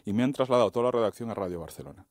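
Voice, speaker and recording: A man on a radio panel, telling anecdotes rapidly. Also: fairly low pitch, lively intonation, a little mellow, no echo. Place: radio studio. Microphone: studio microphone.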